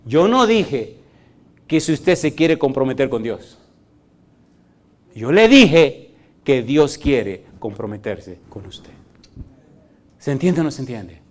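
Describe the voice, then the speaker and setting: A male pastor preaching in a church, often asking the congregation yes or no and swinging from loud emphatic lines to quiet asides. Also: mid-range voice, big pitch swings, slow, pauses often. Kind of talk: sermon.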